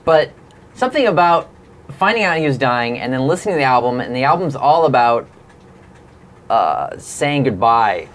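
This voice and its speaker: A man's voice: medium pitch, sing-song, normal speed, a bit bright. A man in his thirties, rambling and reflective in a casual podcast chat, often breaking off and restarting his sentences. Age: 30s. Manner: rambling, self-interrupting, reflective. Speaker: band member.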